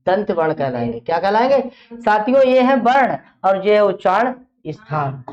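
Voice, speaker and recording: A woman's voice: mid-range voice, very animated, moderate pace, a little mellow. A woman teaching an exam-prep class, who fires off a question, repeats it, and then answers it herself. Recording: dull lo-fi classroom recording.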